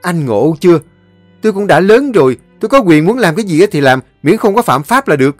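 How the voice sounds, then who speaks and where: Guy playing a hotheaded young man talking back, voice pitched way up and loud, dry close sound. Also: sing-song, a little fast, dry recording, faint music behind. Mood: defiant. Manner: defiant, heated arguing. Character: stubborn defiant young man.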